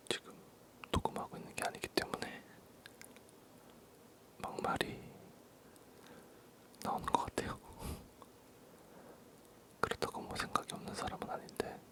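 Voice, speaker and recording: Barely audible, slow male ASMR whisper. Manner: slow, halting, repeating words softly. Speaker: ASMR creator.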